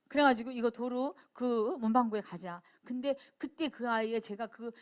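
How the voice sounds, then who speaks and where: High-voiced older woman telling a sermon story. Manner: storytelling, acts out dialogue, frequent interjections. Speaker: missionary speaker. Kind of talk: sermon testimony. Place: church service.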